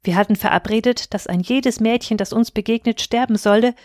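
Gentle young prince, a lady reading his lines, earnest, dry close mic. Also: on the high side, brisk, dry recording, lightly acted.

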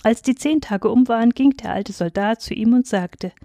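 A woman reading a fairy tale aloud in a clear, measured storytelling voice. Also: a little high, mellow, dry recording, studio quality. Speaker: reader.

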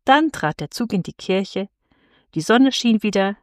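Woman reading an old fairy tale aloud, calm and measured, mid pitch, dry mic. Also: no room sound. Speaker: narrator. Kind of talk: scripted fairy-tale narration.

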